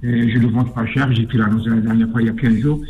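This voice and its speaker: A man's voice: mid-range voice, little pitch movement, fast, a little hiss or hum. Stammering man on a tinny phone line. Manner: stammering, repeats words, insistent. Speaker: caller. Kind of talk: phone-in chat.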